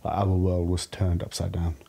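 Speaking at normal speed with a low, warm voice, flat delivery and vocal fry, this Lahore-born guest in his early thirties shares casual, candid stories in a podcast studio, picked up by a studio podcast mic.

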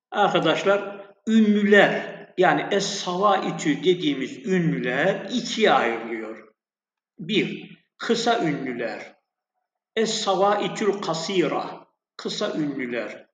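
Slow, patient teacher. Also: male voice, a little high, a bit bright, slight background noise. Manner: slow, patient, repeats sounds and addresses students as friends. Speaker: Arabic teacher. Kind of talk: classroom lesson explaining letters and vowels. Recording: echoey, dull lo-fi room sound.

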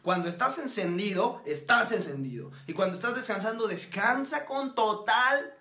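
A man's voice: high-pitched, expressive, moderate pace, bright, forceful tone, reverberant. A man giving a live motivational talk, emphatic and preachy, speaking straight to his listeners and answering their comments.

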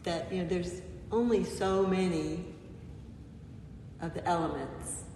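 A woman pastor's slightly low, creaky voice delivers a calm, unhurried sermon broken by frequent pauses. She's recorded from well back in an echoey church sanctuary, with long reverb and a faint room hum behind her.

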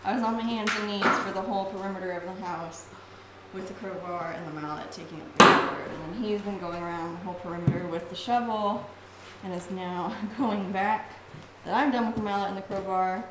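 A woman's voice: medium pitch, fairly quick, very noisy. A woman in her thirties chatting playfully while she renovates an empty house, filming herself with a handheld camera. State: tired from work. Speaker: home renovation vlogger. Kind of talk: casual vlog narration. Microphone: handheld camera held close. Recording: echoey empty room with music.

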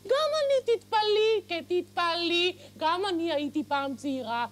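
Man as a shrill, nagging Israeli grandma type. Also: fairly bright tone. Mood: fussy advising. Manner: dramatic, scolding, repeats phrases insistently. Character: fussy, nagging middle-aged Israeli Polish mother, Israeli grandma type. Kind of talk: TV sketch comedy monologue. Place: TV studio, seated at a desk. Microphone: lapel mic.

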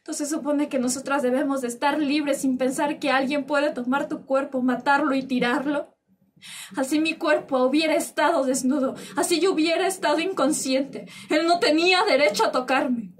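An actress performing a theatrical monologue as a murdered young woman, defiant and accusing, declaiming slowly and rising to outcries. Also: sits high, fairly even intonation, natural voice. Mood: bitter, accusing. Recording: distant mic.

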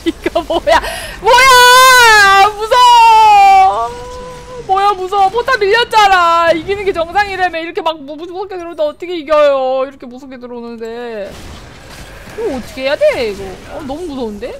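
A woman streaming a game live, excitable, often shouting and laughing and answering her chat. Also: extremely high pitch, a little fast, background noise. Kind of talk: live gameplay commentary. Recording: game music playing clearly behind. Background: game music.

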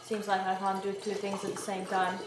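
A woman's voice: medium pitch, monotone, brisk. A young woman vlogging casually from her home kitchen, chatting as she works and correcting herself along the way. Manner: chatty, self-correcting, talks while working. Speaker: homestead vlogger. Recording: echoey kitchen with dish clatter.

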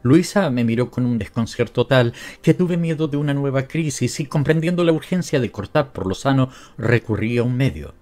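A man with a Latin American Spanish accent giving a measured, expressive literary narration. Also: mid-range voice, faint music behind. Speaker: audiobook narrator.

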